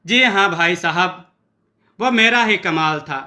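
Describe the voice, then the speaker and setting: A man's voice: high voice, slow pace, sharp tone, heavily acted. A man voicing a small rat-like creature, a cheeky, folksy helper who cooks in secret.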